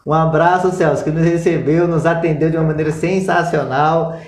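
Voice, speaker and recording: A man's voice: a little high, steady tone, a little fast. A Brazilian man with a Brazilian Portuguese accent hosting an interview podcast, chatty and talking straight to his audience. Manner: chatty, sends greetings to viewers, addresses audience as "gente". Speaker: podcast host. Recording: echoey room.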